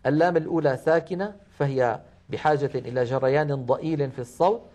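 رجل يعلّم التجويد بتلاوة بطيئة ممدودة. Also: male voice, on the high side, darkish tone. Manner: explains rapidly, then recites slowly and drawn out; repeats sounds and syllables one by one to demonstrate. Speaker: Quran recitation teacher. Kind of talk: tajweed lesson with chanted recitation.

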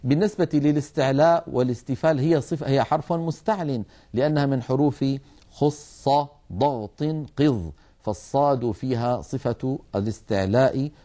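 A man teaching Quran recitation in a measured explanatory lesson, pausing to demonstrate letter sounds slowly. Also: mid-range voice, mellow.

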